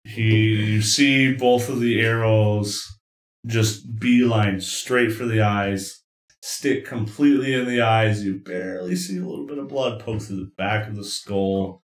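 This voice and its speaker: Low-voiced man running a tabletop game. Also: measured pace, reverberant. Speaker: game master.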